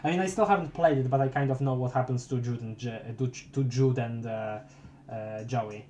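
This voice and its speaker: A man's voice: medium pitch, fairly quick, dark tone, slight background noise. A young man streaming a live read of a webcomic, rambling and stammering as he chats with his viewers. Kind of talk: live-reading a webcomic aloud.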